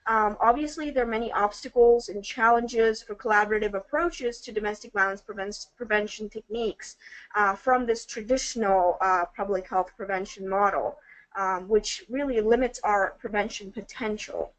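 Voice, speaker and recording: A woman's voice: mid-range voice, normal speed, no echo, low-quality recording. A woman co-hosting a webinar, presenting a topic over a call with many ums and uhs. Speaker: webinar co-facilitator.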